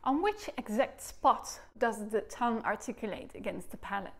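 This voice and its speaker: A Dutch woman in her thirties, a recorder teacher, sits on a sofa in her living room giving a demonstration lesson on articulation. Her fairly high voice is lively at normal speed as she patiently explains, sounding out syllables aloud with gestures.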